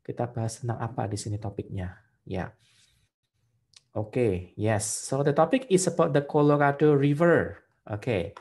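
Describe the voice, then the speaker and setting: A man's voice: mid-range voice, gravelly, darkish tone, husky. A man teaching a live online English test-prep lesson, speaking patiently and mixing English and Indonesian phrases.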